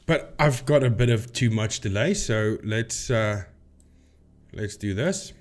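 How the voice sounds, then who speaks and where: A man hosts a casual explainer video as a paranormal debunker, speaking informally to viewers and thinking aloud while he demonstrates. He talks slowly in a lowish voice with lively intonation.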